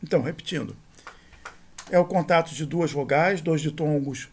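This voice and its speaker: A middle-aged man with a gravelly edge to his slightly high voice, walking students through a recorded grammar lesson. He talks patiently and explains things step by step. He repeats his points and keeps checking in with a quick "right?" tag. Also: a little mellow, a little hiss or hum. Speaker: teacher.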